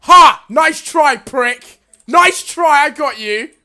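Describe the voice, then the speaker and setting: A woman giving excitable, loud gameplay commentary, shouting and swearing at a hard game. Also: sits high, takes it slowly, soft background music. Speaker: gamer.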